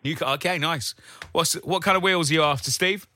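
A man hosting a radio phone-in competition in an upbeat presenting style, drawing out pauses for suspense, close on a studio mic. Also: on the high side, bright, forceful tone. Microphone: close, dry studio microphone.

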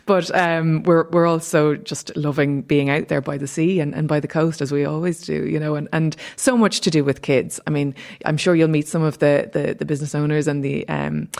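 Dublin woman with a medium-low voice. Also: steady tone, moderate pace, gravelly, hardly any pauses, a little mellow. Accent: Dublin Irish. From Ireland, Dublin. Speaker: panel guest, entrepreneur. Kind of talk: casual interview talk.

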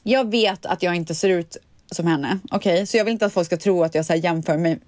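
A young woman chatting casually as a podcast co-host, telling a story with lively acted-out voices and frequent laughter. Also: lowish voice, dry recording. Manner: animated storyteller, acts out voices, laughs often. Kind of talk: casual chat.

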